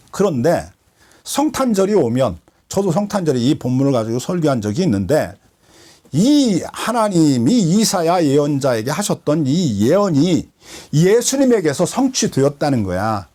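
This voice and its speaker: A man's voice: a little high, very animated, normal speed, mellow. A man, a pastor, giving a conversational Bible study lecture, checking often that listeners follow and mixing in slangy, joking asides. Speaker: pastor teaching a Bible class.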